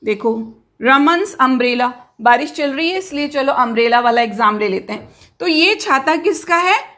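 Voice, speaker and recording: A woman's voice: sits high, animated, moderate pace, fairly bright tone. A woman teaching an English grammar lesson to students, mixing Hindi with English terms and patiently asking questions that she then answers herself.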